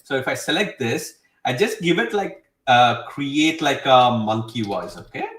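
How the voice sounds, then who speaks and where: A man's voice: mid-range voice, lively intonation, unhurried, a bit bright. A man gives a casual, enthusiastic walkthrough, rambling and leaning heavily on fillers. He sits some distance from the mic. His voice rings around a roomy space. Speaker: host demonstrating software. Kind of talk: casual screen-share tutorial. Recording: roomy sound, away from mic.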